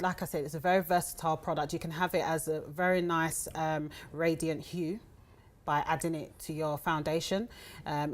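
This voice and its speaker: A woman with a London accent, the founder of a cosmetics brand, demonstrating a product in a chatty way with lots of ums. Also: deep voice. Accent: London English. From England. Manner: chatty, giggly, many ums.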